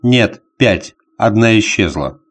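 Man reading uneasy sled traveler, anxious, insistent, lively intonation, audiobook. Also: lowish voice, slow pace. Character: uneasy watchful male dog-sled traveler.

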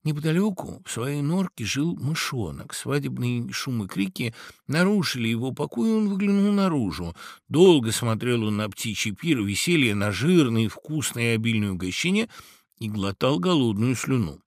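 A man narrating a fairy tale with expressive, animated storytelling. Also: mid-range voice, normal speed, no echo, studio quality.

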